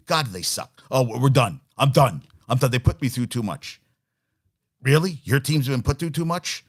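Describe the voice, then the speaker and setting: A male sports talk host in a loose, opinionated rant. His voice sits in a middle register but leaps up and down a lot. He talks bluntly and swears freely. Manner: blunt and profane, with lively swings in pitch.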